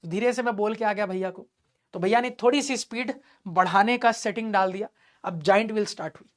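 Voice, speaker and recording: A male math teacher telling a story during a lesson, lively and teasing, laughing often. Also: high-pitched, fairly quick.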